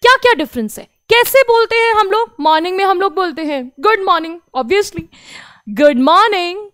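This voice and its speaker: A woman teaching French to children in an online class. She repeats each word slowly and speaks to the children directly. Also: very high-pitched, animated, a bit bright, dry recording, studio quality. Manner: slow, drawn-out repetition of each word.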